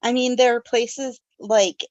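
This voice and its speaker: A woman's voice: on the high side, fairly even intonation, measured pace, darkish tone, no echo, dull audio. A woman hosting a casual book club podcast, reading background notes and then summarizing the story with fillers and laughs. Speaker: podcast host.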